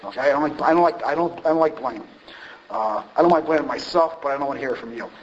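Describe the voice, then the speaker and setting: Speaking fast in a mid-range voice, a man tells a group a rambling, self-deprecating recovery story about his drinking, packed with fillers and restarts. The recording is dull and lo-fi, with faint hiss.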